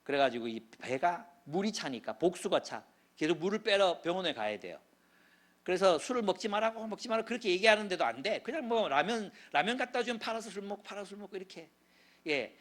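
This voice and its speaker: A middle-aged male pastor preaching a sermon as a story, his voice swelling loud and then dropping low. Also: fairly quick. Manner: animated storytelling, voice swells and drops sharply. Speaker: pastor, guest speaker.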